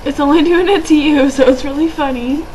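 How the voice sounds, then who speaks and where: A woman's voice: high voice, fairly even intonation, a little fast, background noise. A young woman chatting casually in a playful, silly, joking manner. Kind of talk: casual chat.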